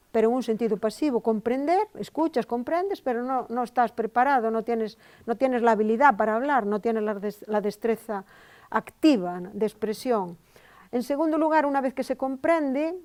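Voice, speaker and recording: A woman's voice: fairly high pitch, darkish tone. A middle-aged woman giving a university lecture, often repeating phrases and checking in with her audience. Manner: repeats phrases, tags sentences with "¿no?" and "¿eh?". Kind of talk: academic conference talk.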